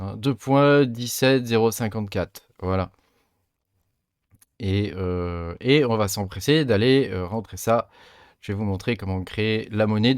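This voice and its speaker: A man walking viewers through a software tutorial in a casual, hesitant way, with many fillers as he clicks along. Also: on the low side, no room sound, studio quality. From France. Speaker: crypto mining tutorial host. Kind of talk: casual screen-recorded tutorial.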